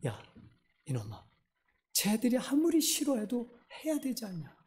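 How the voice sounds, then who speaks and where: A preacher giving voice to God as a stern, fatherly figure, pressing a reluctant prophet with one rebuking question after another. The tone is warm and dark in colour but insistent. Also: very high voice, huge pitch swings, moderate pace, heavily acted. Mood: stern urging.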